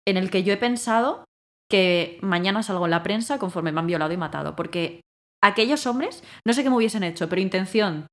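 Brief: rapid-fire female guest, animated storyteller. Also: mid-range voice. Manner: animated, acts out her own quotes loudly. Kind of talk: casual storytelling conversation.

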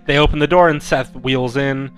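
A man's voice: medium pitch, fairly even intonation, normal speed, clean tone, soft background music. Man recapping a movie, laid-back. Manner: laid-back, frequent ums and laughs. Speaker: podcast co-host. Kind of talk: casual chat recapping a movie.

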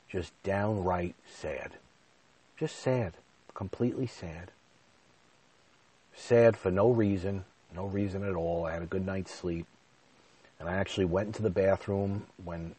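A man's voice: low-pitched, a little mellow, breathy edge, no echo, poor audio. A man in his thirties telling a personal story in an emotional, confessional way.

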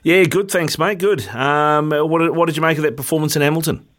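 A New Zealand man hosts sports talkback on a radio studio mic, chatting casually and colloquially in a matey way. His voice sits on the high side, fairly quick and fairly bright, in live radio chat.

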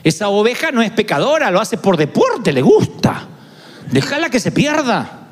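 A man's voice: high-pitched, wildly swooping pitch, normal speed. A male pastor preaching a sermon, acting out the words of the people he quotes. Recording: echoey hall with long reverb.

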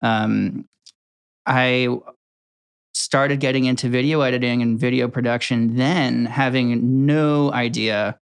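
A young video editor from Connecticut, USA, chats casually as the guest of a workplace interview, relaxed and rambling with plenty of ums and restarts. His medium-pitched voice is clear and resonant, and he takes his time.

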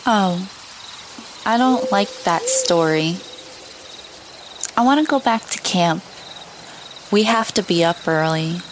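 An actress playing a nervous, prim and expressive young woman in an audio drama. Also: medium pitch, slow pace, pauses often, lightly acted. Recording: noisy night ambience with crickets and owls.

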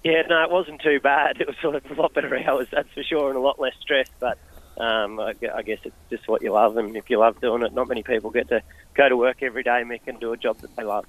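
A man's voice: medium pitch, level tone, fast talker. A young Australian man, a harness racing driver, giving a casual interview in a modest, easygoing way. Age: young adult. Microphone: phone. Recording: muffled dry phone line.

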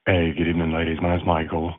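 Deep, flat man's voicemail greeting. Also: fast talker. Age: 40s. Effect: recorded chat line voice greeting played over a phone. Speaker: chat line caller. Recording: tinny phone line.

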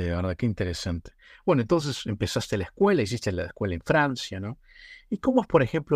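A man's voice: lowish voice, no room sound, studio quality. A man hosting a podcast interview, rambling and rephrasing, often tagging on "¿no?". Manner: rambling, rephrasing, tag questions like "¿no?". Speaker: podcast host. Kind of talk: casual interview conversation.

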